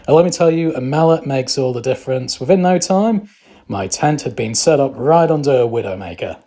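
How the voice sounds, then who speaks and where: A man's voice: medium pitch, lively intonation, fairly quick, dark tone. A man narrating a camping vlog in a chatty, informal storytelling way. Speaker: camping vlogger. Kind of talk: casual travel vlog narration.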